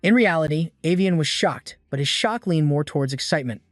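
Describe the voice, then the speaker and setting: A man's voice: fairly high pitch, expressive, a little fast, dry recording. A man narrating a recap. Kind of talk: scripted story narration. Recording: dry voice-over with soft music.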